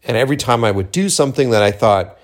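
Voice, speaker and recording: Talking fast with a mid-range voice and lively intonation, a Cape Cod, Massachusetts filmmaker rambles through his personal audio journal. He keeps it loose and candid, peppered with curse words and slang.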